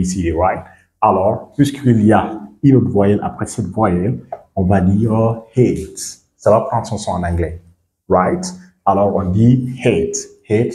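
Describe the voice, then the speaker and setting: A man's voice: fairly low pitch, mellow. A man teaching an English pronunciation lesson, moving between English and French and often checking in with "right?" and "ok?". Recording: echoey room.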